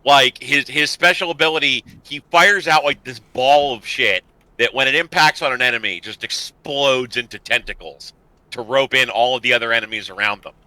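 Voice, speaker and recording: A man's voice: mid-range voice, normal speed, sharp tone, no echo, poor audio. A man in casual gaming chat on a livestream panel, wry and freely profane.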